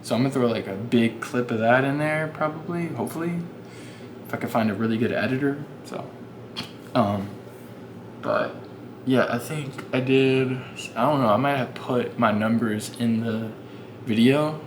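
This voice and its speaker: A man's voice: mid-range voice, normal speed. Young man, vlogger, rambling casual storytelling, lots of fillers, noisy ambience. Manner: rambling, many fillers and restarts.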